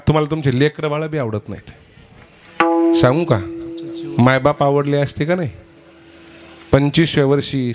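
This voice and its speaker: A man with a Marathwada accent preaching a devotional kirtan sermon, questioning and teasing the listeners as he prods the women to answer aloud. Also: mid-range voice. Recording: live event with instrument music behind. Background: musical instruments.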